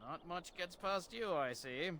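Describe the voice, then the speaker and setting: An actor playing a sly bandit leader who extorts travelers with a fake toll, sarcastic and scheming. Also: male voice, sits high, expressive, measured pace, bright, forceful tone, a little hiss or hum, heavily acted. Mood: smug. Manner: sly, sarcastic, then groveling.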